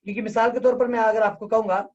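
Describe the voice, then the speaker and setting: A man teaching an online Tajweed class, dictating slowly and repeating key terms for his students, with hesitant, drawn-out fillers. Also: high voice, fairly even intonation, a little mellow. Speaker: Quran recitation teacher. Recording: distant, dull lo-fi online class audio.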